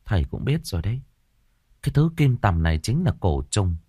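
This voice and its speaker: A man voicing a tired young village healer woman who speaks calmly and haltingly. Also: fairly low pitch, breathy edge, dry recording, clean studio sound. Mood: weary. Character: young female village healer, weary and calm.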